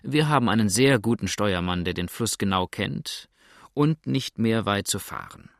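A man reading an old, kindly traveller in an audiobook, speaking calmly and reassuringly. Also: on the low side, normal speed, no echo, clean studio sound. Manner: calm and reassuring.

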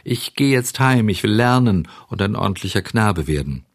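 A man's voice: lowish voice, animated, normal speed, no echo, clean studio sound. A man voicing a wooden puppet boy who speaks in a hesitant, wavering, pleading way.

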